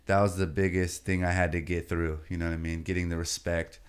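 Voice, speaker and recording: This is a man with a deep voice chatting as a podcast guest, easygoing and full of slang. His tone comes across smooth and resonant, and he keeps checking in with his listener as he tells his stories. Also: little pitch movement, brisk. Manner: laid-back and slangy, fills talk with "you know what I mean" and "bro". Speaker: podcast guest, comedian and content creator. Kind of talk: casual storytelling chat.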